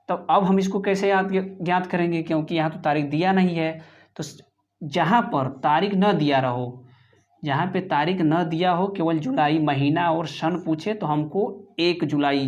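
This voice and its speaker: A man teaching an exam-prep calendar math lesson. He poses questions to the class, answers them himself, and counts through each step of the working aloud. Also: fairly high pitch. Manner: repeats his own questions and answers them. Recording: slightly muffled lo-fi sound.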